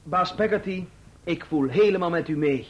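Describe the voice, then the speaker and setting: An actor playing a smooth-talking young gentleman in a radio play, courteous with a slightly condescending edge. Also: high-pitched, normal speed, muffled recording.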